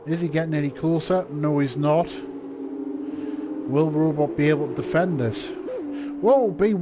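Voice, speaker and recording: A man commentating live on a motor race, calling the action in drawn-out phrases. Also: on the high side, steady tone, background noise. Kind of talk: live online sim racing commentary.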